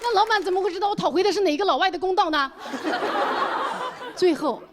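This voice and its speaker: Woman stand-up comic with a high voice and an animated delivery, in a noisy live stage recording. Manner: animated storytelling, acts out dialogue. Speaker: stand-up comedian. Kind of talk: stand-up comedy storytelling.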